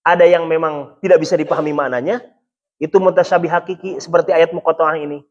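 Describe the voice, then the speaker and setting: A man's voice: on the high side, fairly even intonation, fast talker, muffled recording. A man teaching a Quran study lecture in a patient, explanatory way, often adding a checking "ya". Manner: explanatory, repeating "ya" to check understanding. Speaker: Islamic religious teacher.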